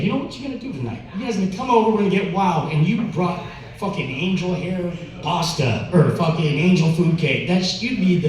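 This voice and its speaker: A man with a fairly high voice performs amateur stand-up in a very echoey room, picked up from a distance. His delivery is casual, sweary and slangy, stumbling and stalling hesitantly as he repeats himself. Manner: hesitant, with stammered repeats and filler-laden stalling. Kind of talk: stand-up comedy at an open mic. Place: indoor open mic venue.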